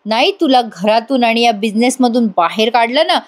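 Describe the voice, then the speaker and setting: A woman's voice: fairly high pitch, animated, normal speed. A woman voicing a cunning, spiteful middle-aged mother who gloats over her plots. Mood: brooding. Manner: gloating, plotting.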